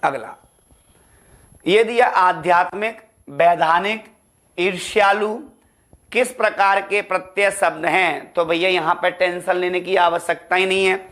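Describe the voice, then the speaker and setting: A man's voice: high voice, steady tone, a little slow, a bit bright. A male Hindi teacher running an exam prep lesson, who keeps asking his students questions and answering them himself. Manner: calls students "beta" and "ladlo", asks and answers own questions.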